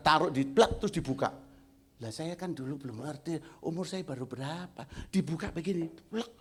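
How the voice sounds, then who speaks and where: A man's voice: on the high side, normal speed, slightly rough. A male pastor preaching a sermon, telling a story and acting out both sides of the dialogue. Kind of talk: sermon testimony.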